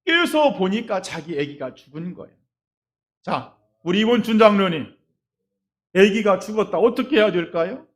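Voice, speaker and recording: A male pastor delivers a dramatic sermon in a notably high voice. He talks straight to his congregation and tells homely stories. His delivery swings from loud, fervent cries down to quiet, almost muttered asides. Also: lively intonation, measured pace, pauses often. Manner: folksy storytelling, addresses the congregation directly.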